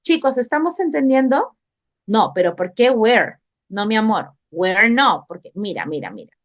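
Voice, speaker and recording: Woman, English teacher, online class, slightly high voice, dull call audio. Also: big pitch swings, moderate pace. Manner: patient, repeats questions and calls on students by name.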